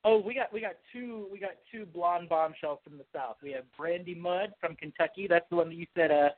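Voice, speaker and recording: A line cook chatting casually, upbeat and teasing with an enthusiastic manner. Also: male voice, high voice, a little fast. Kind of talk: casual podcast chat. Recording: tinny phone-like line.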